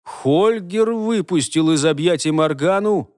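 A man reading a novel aloud as narrator, measured and expressive. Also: fairly high pitch, smooth, no echo, studio quality. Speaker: audiobook narrator. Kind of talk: scripted narration.

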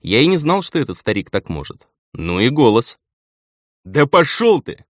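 A man's voice: mid-range voice, big pitch swings, a little fast, no echo, clean studio sound. A man narrating an audiobook in the first person, with wry, ironic asides.

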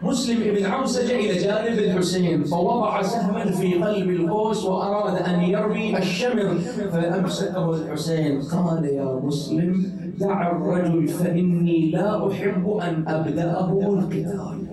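Mosque preacher, male, impassioned, high voice, heard from far off in an echoey hall with the congregation around. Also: fairly even intonation, normal speed, crowd noise. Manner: impassioned, recounting with quoted speech. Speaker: mulla preacher. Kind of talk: Muharram sermon.

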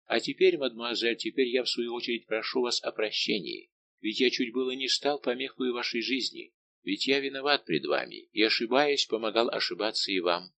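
A man voicing a heartbroken young nobleman who speaks gravely and with passion in an audiobook. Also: mid-range voice, brisk, pushed and bright, slight background noise. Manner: impassioned, grave. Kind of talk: audiobook dialogue reading.

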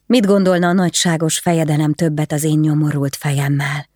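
A narrator voicing a young noble widow who speaks softly and hesitantly, sometimes whispering, in an audiobook. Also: female voice, deep voice, little pitch movement, no echo, studio quality. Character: young noble widow, shy but bold.

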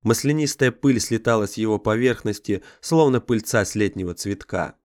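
Low-voiced man narrating a dark sci-fi audiobook. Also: normal speed, no room sound, clean studio sound. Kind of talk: scripted dramatic narration.

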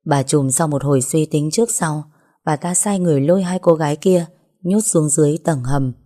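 A woman narrating a story in a steady, even way. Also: low-pitched, normal speed.

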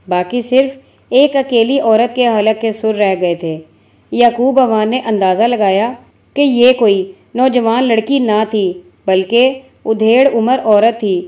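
Woman narrator, novel reading, slow pace, warm tone. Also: fairly high pitch. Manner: slow, measured literary reading.

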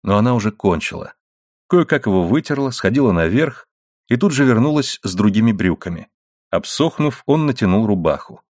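A man reading a novel aloud in a steady, even storytelling manner. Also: on the low side, brisk, no echo, studio quality. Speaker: audiobook narrator. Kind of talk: scripted novel narration.

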